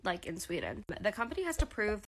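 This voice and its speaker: A woman from the US tells a personal story to camera in a relaxed, chatty way. Her voice sits in a mid range, and she leans on fillers as she talks. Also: medium pitch, fast talker. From United States.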